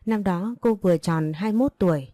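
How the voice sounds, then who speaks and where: A woman narrating a story in a steady scripted reading, voicing every part in a mostly even voice. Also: medium pitch, quick pace, no room sound.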